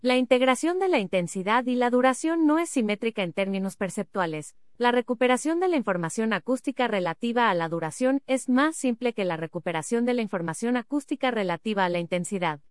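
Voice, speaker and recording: A woman's voice: a little high, lively intonation, brisk, few pauses, no echo, studio quality. Woman reading an academic paper. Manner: reads symbols, figure captions and abbreviations literally.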